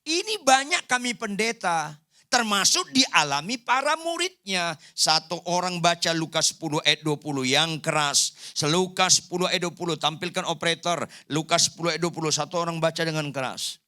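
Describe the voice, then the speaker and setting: A man preaches a sermon as pastor in a church hall, joking and acting out the people in his stories as an animated preacher doing voices. His voice sits on the high side, at a moderate pace.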